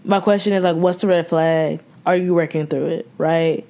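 A young woman from the American South with a Southern accent, co-hosting a casual podcast from home, talking frankly with cursing and quick restarts. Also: deep voice, steady tone, warm tone. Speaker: podcast co-host. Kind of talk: casual chat. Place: home room, remote recording.

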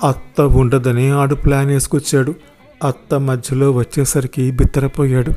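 A man's voice: mid-range voice, flat delivery, normal speed, warm tone, faint music behind, lightly acted. A man voicing a frightened teenage girl confiding in her mother. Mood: distressed.

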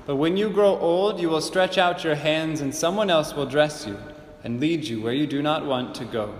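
A priest proclaiming the gospel and preaching a homily in a measured, earnest way, his voice carrying a cathedral echo. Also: a little high. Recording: echoey church with long reverb, faint hiss.

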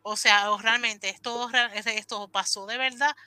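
A woman's voice: a little high, steady tone, moderate pace, pushed and bright, smooth, no room sound. A woman explaining earnestly in a casual conversation, often rephrasing herself.

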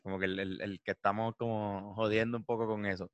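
A man with a Puerto Rican accent, co-hosting a casual podcast in a relaxed, easygoing way. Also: on the low side, a little fast, clean tone, no room sound, muffled recording. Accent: Puerto Rican Spanish. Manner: laid-back, laughs often. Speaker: podcast co-host. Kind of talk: casual chat.

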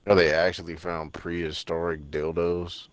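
Very deep man rambling in chat. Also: flat delivery, normal speed, dry recording. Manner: rambling, crude, full of fillers like "like". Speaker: podcast co-host. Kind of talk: casual chat.

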